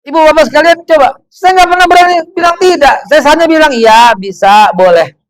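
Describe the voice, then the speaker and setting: A man, preaching to a women's gathering in an animated storytelling way, full of rhetorical questions. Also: very high-pitched, fast talker, low-quality recording.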